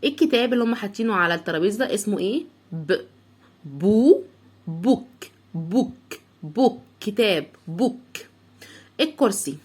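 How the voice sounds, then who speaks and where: A woman with an Egyptian Arabic accent, teaching an English phonics lesson for young children. She sounds out words slowly, letter by letter, and asks the listener to repeat after her. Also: mid-range voice, lively intonation, darkish tone, slightly rough.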